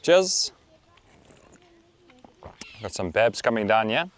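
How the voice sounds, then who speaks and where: A man's voice: low voice, normal speed, creaky. A man with a South African accent, a travel vlogger chatting casually outdoors. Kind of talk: casual vlog chat. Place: outdoors at a safari camp and waterholes.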